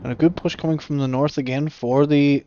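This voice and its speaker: A man's voice: fairly high pitch, steady tone, brisk, slight background noise. A man giving casual, jokey live commentary on a game stream, swearing freely and laughing often. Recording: muffled stream audio with loud game gunfire. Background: gunfire, artillery and vehicles from the game.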